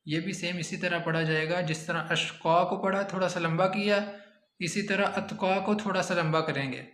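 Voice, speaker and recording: Man going through quran recitation letter by letter, high voice, echoey room. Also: fairly even intonation, fairly bright tone. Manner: slow, drawn-out chanting when reciting. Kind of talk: spelling out Arabic words letter by letter.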